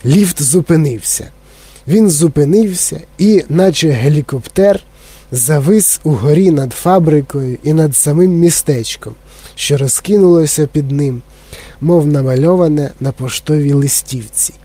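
A man reading a children's novel aloud as narrator, in steady, measured storytelling. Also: fairly high pitch, slightly rough, no echo. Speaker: audiobook narrator. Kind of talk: scripted narration.

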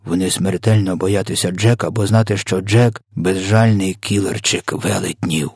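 A man's voice: sits low, steady tone, normal speed, husky, no room sound, clean studio sound. A man voicing a kind old male giant who whispers and mangles his words. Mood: hushed. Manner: whispering, hushed, mangled grammar.

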